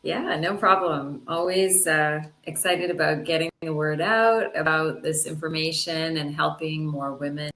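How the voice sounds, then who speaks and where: A woman's voice: low voice, steady tone, unhurried, few pauses, a bit bright, reverberant. A middle-aged woman from Canada, a physician being interviewed, speaking in an earnest, upbeat way. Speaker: physician guest. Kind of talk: interview answers.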